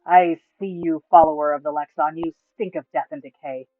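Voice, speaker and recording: Man playing a hostile gate guard, slow and loud, highish voice, tinny dry sound. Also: steady tone, dry recording, soft background music, close to an everyday voice. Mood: scornful. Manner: slow, forceful, contemptuous. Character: stern hostile male city gate guard.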